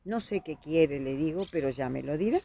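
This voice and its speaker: A woman's voice: deep voice, expressive, moderate pace, gravelly, dark tone. A woman with a Uruguayan accent, a podcast guest recounting events vividly and acting out the dialogue she quotes. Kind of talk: storytelling in conversation.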